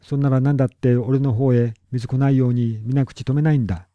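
A man voicing an angry neighbor farmer who shouts his complaints, on a dull lo-fi recording. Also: medium pitch, fairly even intonation, fairly quick, dry recording, lightly acted.

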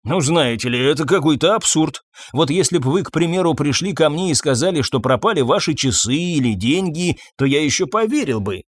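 A man voicing a calm, indifferent hotel manager who speaks in an unhurried, dryly evasive way. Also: a little high, breathy edge, no echo, studio quality. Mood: dismissive.

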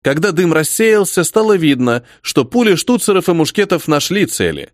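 Man narrating a war audiobook, lively. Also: a little high, normal speed, no echo, clean studio sound. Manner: dramatic, expressive reading. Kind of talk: first-person audiobook narration.

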